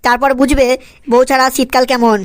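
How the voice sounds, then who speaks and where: Brief: woman doing a lazy young cartoon guy, high, rapid, whiny and cheeky. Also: level tone, dry recording, natural voice. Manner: whiny and cheeky, corrects his father's English. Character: lazy whiny young man pestering his father. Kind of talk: cartoon comedy voice acting.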